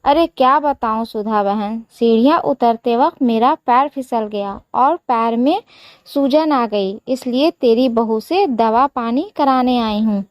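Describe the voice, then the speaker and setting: A woman voicing an older neighbor woman with a hurt foot who complains in a slow storybook telling. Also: on the high side, dry recording, natural voice. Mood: complaining.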